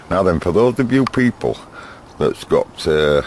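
A man's voice: low-pitched, darkish tone, a little hiss or hum. A man chatting and laughing to the camera as he films outdoors, heard through old camcorder audio. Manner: chatty, laughs between remarks. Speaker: home video maker. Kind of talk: rambling casual chat to camera. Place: outdoors in a garden on a sunny day. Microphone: built-in camcorder mic.

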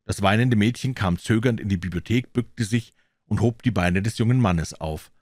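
A man narrates a crime novel in a calm, measured audiobook reading. His voice sits low, and the recording is dry and close with no room sound. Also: no room sound. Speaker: audiobook reader.

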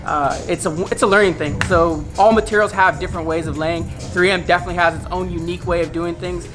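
Fast-talking man explaining a car wrap. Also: sits high, steady tone, music in the background. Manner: quick, practical, instructive. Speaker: vinyl wrap installer. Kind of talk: explaining work to camera. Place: large indoor car wrap shop.

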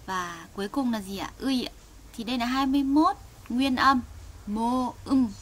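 Woman, Vietnamese teacher of Korean, slightly high voice, patient and clear for learners. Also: expressive, a bit bright. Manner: slow, patient, drills sounds for students to repeat. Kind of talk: online language lesson, reading aloud for learners.

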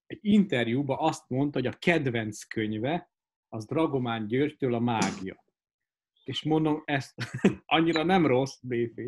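Male co-host, casual pub talk, rambling anecdotal delivery, mid pitch. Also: expressive, slight background noise. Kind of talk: casual chat.

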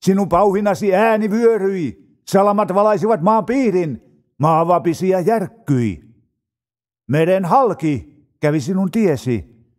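A man reading psalms aloud in a slow, solemn manner, drawing out his phrases. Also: sits high, a little mellow. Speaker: scripture reader.

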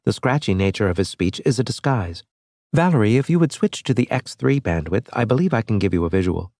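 A man voicing a precise, learned male ship officer who explains things briskly in an audiobook. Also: fairly low pitch, lively intonation, darkish tone, dry recording, studio quality. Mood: explaining. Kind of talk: audiobook character voice.

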